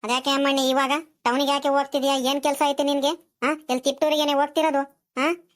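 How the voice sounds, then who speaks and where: A woman's voice: high-pitched, level tone, natural voice. A woman voicing a kindly, talkative elderly grandmother in a cartoon, with a chatty, coaxing manner. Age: older. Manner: chatty, coaxing, drawn-out fillers. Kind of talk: cartoon voice acting.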